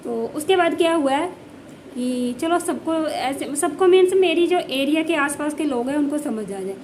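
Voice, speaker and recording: A high-pitched woman from the Jammu region tells a family story on her home vlog. She talks in a casual way and says things twice to drive them home. A faint hiss sits under her voice. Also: expressive, moderate pace, a little mellow. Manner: emphatic, repeats phrases for stress. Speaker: village housewife vlogger.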